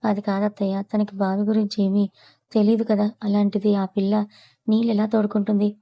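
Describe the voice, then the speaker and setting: A woman plays a gentle mother-in-law, soft and affectionate toward the new bride. The voice is dark and mellow, and the pitch is flat. This is an audio storybook. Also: brisk, natural voice. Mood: soothing. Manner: soothing, affectionate. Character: kindly gentle mother-in-law, middle-aged.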